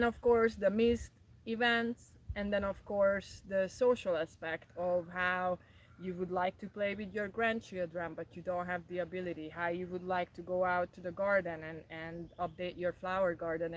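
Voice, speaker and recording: A woman's voice: on the low side, little pitch movement, moderate pace, a little hiss or hum, poor audio. A woman hosting a casual wellness talk show, speaking earnestly and often repeating herself. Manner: earnest, repetitive, restarts often. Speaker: wellness podcast host.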